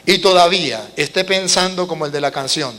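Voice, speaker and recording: High, bright-voiced priest preaching. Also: male voice, fairly quick. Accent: Venezuelan Spanish. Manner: emphatic, repeats phrases, swings between soft and loud. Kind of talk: sermon. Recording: long hall reverb with mains hum.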